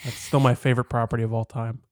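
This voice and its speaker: A man's voice: medium pitch, flat delivery, fast talker, no echo, clean studio sound. A man co-hosting a casual podcast chat, wry and dismissive as he talks about movies. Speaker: podcast co-host.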